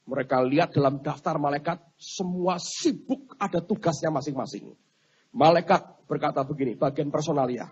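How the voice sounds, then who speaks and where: A male pastor telling a story in a sermon, animated and addressing the congregation directly. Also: a little high, normal speed, husky. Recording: dull lo-fi sermon recording.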